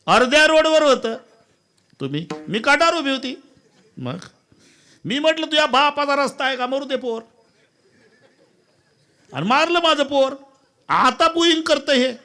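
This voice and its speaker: A man acting out a grieving, indignant village mother who shouts and talks in a sing-song. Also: high-pitched, animated, unhurried, long pauses, voice pushed up.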